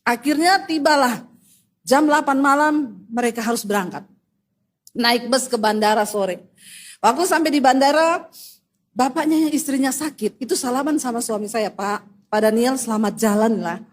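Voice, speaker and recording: A middle-aged woman preacher telling a story in a lively sermon, acting out the voices of the people in it. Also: high voice, normal speed, long pauses. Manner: acts out quoted voices, shifts from calm to loud outbursts.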